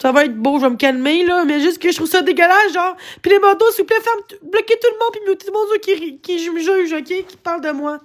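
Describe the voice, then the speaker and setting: A woman's voice: very high-pitched, brisk, hardly any pauses. A woman with a Québécois French accent talking on a live stream, agitated and rambling, swearing often as she complains. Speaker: livestreamer. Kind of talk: casual live-stream rant.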